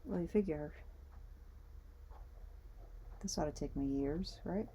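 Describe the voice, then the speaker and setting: A woman's voice: fairly low pitch, a little fast, dark tone, a little hiss or hum. A woman vlogger chatting casually as she knits, muttering little asides to herself while she works. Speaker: knitting vlogger. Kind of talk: casual chat while knitting.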